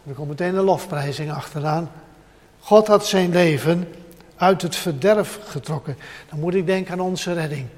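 A man's voice: fairly high pitch, moderate pace, a little mellow. A man preaching a sermon with emphasis, repeating short phrases as he builds up, speaking directly to his listeners. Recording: long hall reverb.

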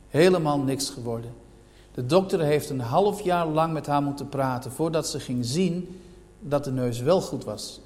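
A man preaching a sermon as pastor, building to loud, emphatic declarations. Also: on the high side. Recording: long hall reverb.

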